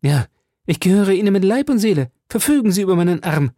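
A man voicing an eager, infatuated young swordsman who speaks in a flattering, fervent way. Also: on the high side, moderate pace, no echo, clean studio sound, pitched above the performer's own voice.

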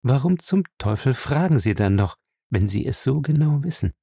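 A man's voice: medium pitch, very animated, normal speed, creaky, slightly rough, no echo, studio quality, heavily acted. A man reading a novel aloud, voicing an evasive young man who answers coolly and irritably. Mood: irritated, cool. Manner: cool, offhand, irritable.

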